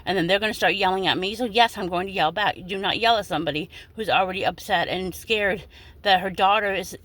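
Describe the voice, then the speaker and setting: A woman's voice: mid-range voice, fairly bright tone. Upset woman venting to her followers. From United States. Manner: upset, indignant, with some cursing. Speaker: vlogger.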